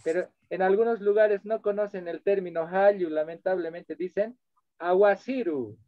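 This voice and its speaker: Fairly high-voiced man teaching a class. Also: steady tone, normal speed, no echo. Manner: explanatory, checks in with listeners often; switches between two languages while teaching. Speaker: translation course instructor. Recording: dull dry lo-fi audio.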